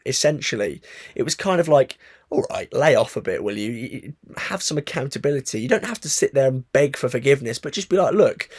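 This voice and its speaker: Frustrated man ranting about football. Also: mid-range voice. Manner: frustrated, animated ranting with filler ums. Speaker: football podcast host. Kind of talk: opinionated fan commentary.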